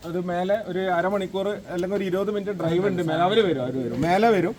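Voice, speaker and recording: Man, Kerala accent, high-pitched, rapid, informal group briefing, lots of English mixed into Malayalam. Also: crowd noise. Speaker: event organiser.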